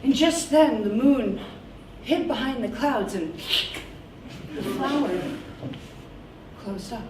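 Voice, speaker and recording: A woman improvising a story live on stage, narrating in a dramatic, halting way. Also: a little high. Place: theatre stage. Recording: echoey noisy theatre from far off.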